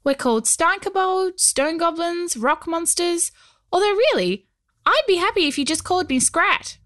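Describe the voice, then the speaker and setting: A woman voicing a tiny, gravelly male stone goblin in a storybook reading, polite but cheeky. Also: very high-pitched, expressive, normal speed, fairly bright tone, voice pushed up. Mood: friendly.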